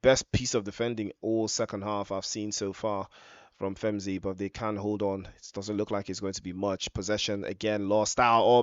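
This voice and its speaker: A man doing live esports football match commentary, stretching out excited shouts on goals and big chances. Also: fairly low pitch, smooth, dry recording, highs cut off.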